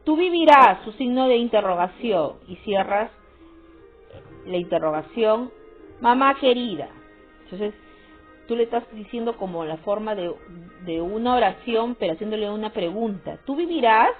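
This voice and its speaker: Through tinny, phone-like audio with faint music in the background, a woman with a mid-range voice gives a grammar lesson at a normal speed. She repeats herself a lot and keeps checking in with quick "¿sí?" and "¿no?" questions.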